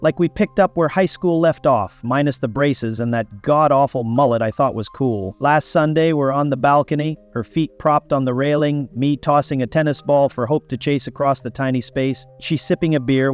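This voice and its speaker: A man's voice: medium pitch, normal speed, hardly any pauses, soft background music. Man narrating a wry first-person story.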